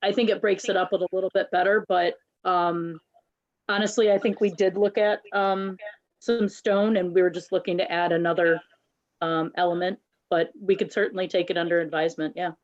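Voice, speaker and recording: A woman applicant answering questions at a planning meeting, halting with frequent ums and restarts. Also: fairly low pitch, flat delivery, muffled recording. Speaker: applicant presenting a site plan. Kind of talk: public meeting testimony.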